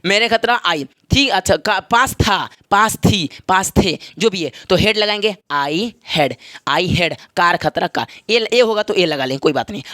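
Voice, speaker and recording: A man with a Bihari Hindi accent and a high voice teaches a spoken English lesson. He talks in a chatty, joking way, repeats examples and keeps asking his students if they follow. The sound is dry and close, with no room around it. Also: sharp tone, dry recording. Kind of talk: classroom lesson at a whiteboard.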